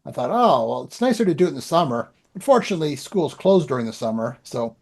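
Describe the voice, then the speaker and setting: A man from the Ottawa area with a Canadian accent co-hosts a podcast, chatting casually about personal updates in a rambling, self-deprecating way. His voice is on the high side, sing-song, creaky and slightly rough, and he talks fast.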